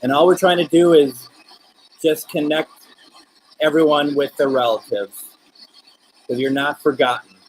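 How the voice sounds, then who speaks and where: A man hosting a live spirit-communication session, speaking in gentle, coaxing questions with pauses between them. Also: a little high, fairly even intonation, breathy edge, rough recording. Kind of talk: live-streamed seance, addressing spirits and viewers.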